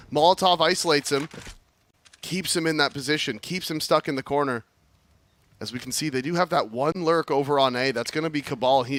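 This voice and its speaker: A man's voice: mid-range voice, fairly bright tone, slight background noise. A man casting esports live, explaining tactics and building suspense around each play. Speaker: esports caster.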